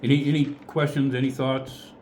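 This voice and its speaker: A man's voice: mid-range voice, level tone, a little fast, darkish tone, slight background noise. A man leading a casual group Bible study, thinking aloud in a tentative way and often correcting himself.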